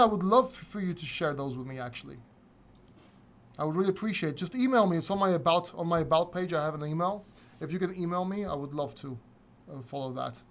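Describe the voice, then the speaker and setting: A Greek man hosts a casual live crypto Q&A on his channel, reading viewer questions from the chat and answering candidly, sometimes with swearing. His voice is on the high side and a bit bright.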